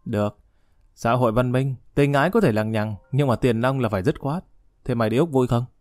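A man's voice: mid-range voice, fairly quick, darkish tone, no echo, studio quality, natural voice. A man voicing a stern, worldly older official who talks bluntly. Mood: gruff. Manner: blunt, commanding, uses familiar address.

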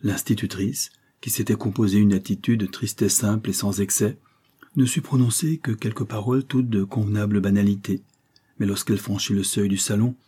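A man narrating a novel as an audiobook in a measured, dramatic way. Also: lowish voice, warm tone, husky.

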